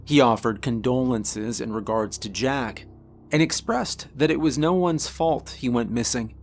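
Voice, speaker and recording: A man, a minister, narrating a scripted first-person story in a measured way. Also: mid-range voice, faint music behind.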